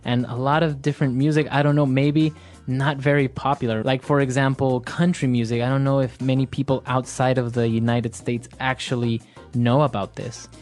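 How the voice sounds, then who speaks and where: A man's voice: mid-range voice, flat delivery, normal speed, darkish tone, soft background music. A man co-hosting a casual English-lesson podcast, steering the talk with short prompts and questions. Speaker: podcast co-host.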